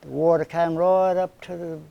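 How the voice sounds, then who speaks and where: In a casual interview, a community elder in his seventies from northern NSW shares stories of his life in an easy, plain-spoken Australian way, rambling along with everyday slang. His voice is a little high and creaky at a moderate pace, and the recording has its highs cut off.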